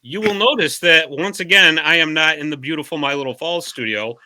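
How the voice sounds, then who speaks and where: A man's voice: on the high side, brisk, pushed and bright, no room sound. A man hosting a casual hockey podcast, jokey and chatty, recording remotely. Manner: jokey, chatty, laughs often. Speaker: podcast host. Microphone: remote call setup.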